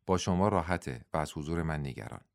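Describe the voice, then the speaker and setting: A man voicing a reserved male army colonel in an audiobook, speaking quietly and measuredly. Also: extremely low pitch, expressive, creaky, no echo, clean studio sound, pitched below the performer's own voice, exaggerated voice. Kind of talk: audiobook dialogue.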